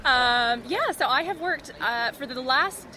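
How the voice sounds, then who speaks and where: A woman's voice: high-pitched, lively intonation, unhurried, bright, forceful tone, slight background noise. A woman with an American accent talking casually as a podcast guest. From United States. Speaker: podcast guest, charity technology professional. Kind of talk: casual interview chat.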